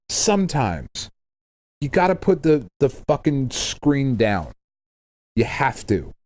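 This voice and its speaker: A middle-aged man with a very animated voice that swings widely in pitch chats casually like a podcast co-host. He's loose, emphatic and irreverent, and swears a lot.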